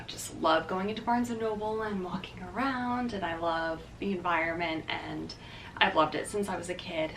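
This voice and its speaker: A young woman vlogs casually to the camera, chatty and upbeat and using lots of "um" and "like." Her mid-range voice has a fairly bright tone, and she sounds far from the mic in an echoey room with a little hiss or hum.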